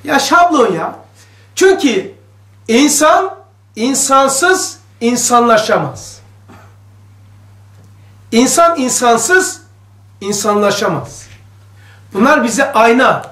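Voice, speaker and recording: A man's voice: very high-pitched, big pitch swings, slow pace, pauses often, bright, forceful tone. A man leading a religious study circle, reading a text aloud and explaining it to the group in a chatty way, with his voice echoing like in a cave. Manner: conversational, explains each passage and questions the listeners. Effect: cave-like echo on the voice. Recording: echoey room, voice distant from the mic.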